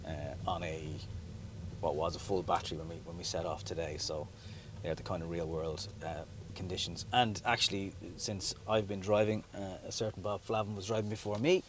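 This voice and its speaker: A man with a somewhat low voice talks through a car review in a loose, rambling way, with plenty of ums and restarts. Clear background noise from the surroundings and the car sits under his voice. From Ireland. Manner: relaxed, rambling, frequent fillers and restarts. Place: outdoors around a car, then inside a moving car. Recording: noisy background.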